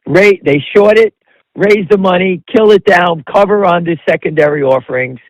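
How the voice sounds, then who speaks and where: A man hosts an off-the-cuff stock commentary call, talking straight to his listeners in a blunt, emphatic, conversational way and repeating himself. His voice sits high and moves at a moderate pace. The recording is lo-fi with no echo.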